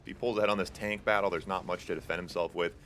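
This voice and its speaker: Speaking very fast in a low, slightly bright voice with fairly even intonation, a young man provides live esports play-by-play for a strategy game on the tournament stream he hosts. Slight background noise runs underneath his casual, filler-filled chatter and asides to chat.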